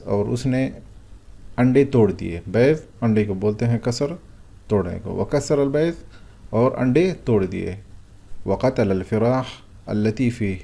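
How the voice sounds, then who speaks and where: A man's voice: on the low side, gravelly, dark tone. A man teaching a vocabulary lesson, explaining words one at a time with frequent hesitant fillers and asking and answering his own questions. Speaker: Arabic teacher.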